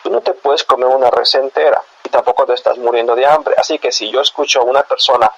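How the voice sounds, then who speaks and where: A man preaching a sermon as pastor, explaining scripture to his congregation in a lively, animated way. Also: mid-range voice, fast talker, breathy edge, lo-fi sound. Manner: animated preaching, addresses listeners as brothers. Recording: radio broadcast.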